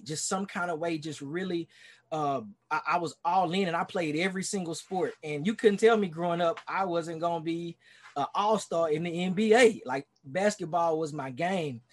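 At a normal speed and fairly high pitch, this Texan-accented man from Dallas, a pastor in his forties, recounts his life as a guest on a casual podcast interview over video call. He's earnest and rambles, full of restarts and "you know"s.

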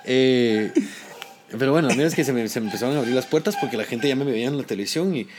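A man with a Guatemalan accent, an actor telling stories from his career in a casual interview, animated and full of slang, acting out the voices he quotes. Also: mid-range voice, quick pace, noisy background. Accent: Guatemalan Spanish. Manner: animated storytelling, heavy slang, acts out quotes.

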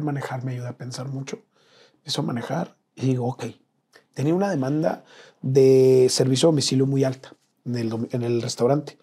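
Speaking earnestly and with slang, a man from Mexico shares an emotional personal story as an interview guest. His husky, mid-range voice falls to a hush when the story turns painful.

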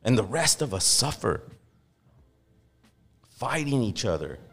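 The voice is a man's, medium in pitch, creaky and a bit bright, swinging widely in pitch at an unhurried pace. He's a Los Angeles podcast host in heated, casual talk, impassioned and profane, mocking others with quoted voices. Long hall reverb and faint music fill the podcast studio recording.

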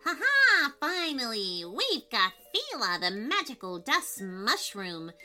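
Woman doing a nasty, forceful evil pixie leader. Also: a little high, huge pitch swings, slow pace, faint music behind, heavily acted. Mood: gloating. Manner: gloating, shouting.

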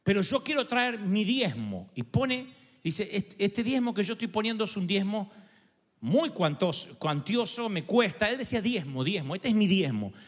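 Argentine male pastor, high tenor, sermon with quoted dialogue, reverberant sanctuary. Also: sing-song, normal speed. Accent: Argentine Spanish. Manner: preaching, swinging between low intimate asides and loud climaxes. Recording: long hall reverb.

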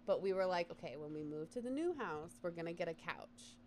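Expressive young woman, faint background noise. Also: fairly low pitch. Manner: expressive, profane, quick to react. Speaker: podcast co-host. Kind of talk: casual chat.

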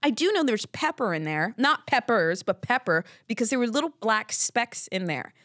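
A woman's voice: fairly high pitch, very animated, normal speed, fairly bright tone, no room sound, clean studio sound. A woman hosting a podcast alone, talking in a rambling, candid, casual way and swearing now and then. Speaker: podcast host. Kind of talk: casual solo chat.

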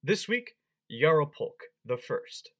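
A man's voice: a little high, very animated, slow, fairly bright tone. Young man in quizzical podcast banter. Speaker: podcast co-host. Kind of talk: casual chat.

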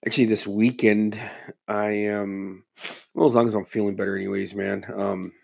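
A podcast host with a low-side voice, level tone and vocal fry speaks at a moderate pace with a slightly mellow quality. Sick with a stuffy nose and slight cough, he sounds congested and muffled, rambling casually through his solo show with lots of swearing.

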